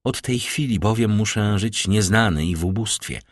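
A man's voice: on the low side, moderate pace, no room sound, clean studio sound, lightly acted. Man voicing a proud young nobleman. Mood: earnest resolve.

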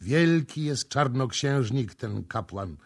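A shrewd old man answers calmly and knowingly in a husky voice, as a male reader plays him. His pitch sits in the middle, steady and unhurried. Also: heavily acted. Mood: muttering. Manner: calm, knowing. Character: old shrewd Libyan man, matter-of-fact.

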